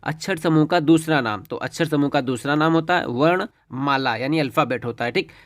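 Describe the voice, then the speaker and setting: Male teacher, exam-prep lesson, slightly high pitch, dry close sound, methodical explanations. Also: moderate pace, no room sound. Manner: explains step by step, often says "ठीक है".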